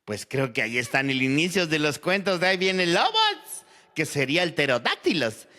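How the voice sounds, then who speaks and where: A man with a slightly high, sing-song voice speaks at a moderate pace, sounding bright and forceful. He portrays a logical-minded character in scripted educational audio fiction, explaining storytelling and debating how stories work in an explanatory mood.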